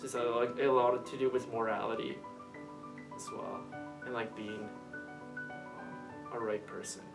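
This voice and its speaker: A young man from Japan speaking in a documentary interview. He pauses often and fills gaps with likes and ums. His voice sounds a little distant, and loud music plays underneath. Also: medium pitch, level tone. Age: young adult. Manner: hesitant, with many likes and ums. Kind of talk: casual interview answers.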